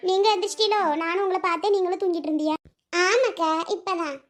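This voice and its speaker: A woman voicing a soft-spoken young woman in a cartoon, explaining things mildly. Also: very high-pitched, rapid-fire. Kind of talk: cartoon voice acting.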